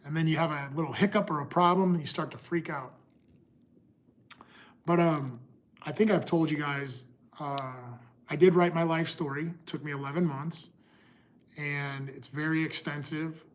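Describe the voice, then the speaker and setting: A middle-aged man talking casually to his livestream viewers, pausing and restarting often. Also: on the high side, fairly even intonation. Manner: halting, restarts often, talks to chat. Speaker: livestream host.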